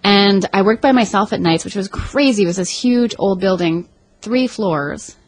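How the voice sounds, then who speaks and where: A woman's voice: medium pitch, moderate pace, no echo. Wry chatty woman telling a story. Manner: wry, chatty, jokes and asides. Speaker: podcast co-host. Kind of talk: casual storytelling chat. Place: apartment.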